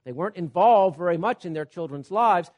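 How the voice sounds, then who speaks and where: This preacher has a high, lively voice and talks a little fast, using everyday examples to make his points. He alternates between loud emphasis and hushed asides, repeatedly checking on his audience with "Okay?"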